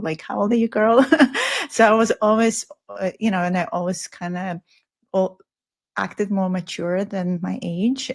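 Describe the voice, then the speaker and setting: Middle-aged woman from the soviet union, grew up in israel, talks earnest and reflective, lowish voice. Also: a little mellow. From Soviet Union, raised in Israel. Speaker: guest, spiritual teacher. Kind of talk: casual interview talk.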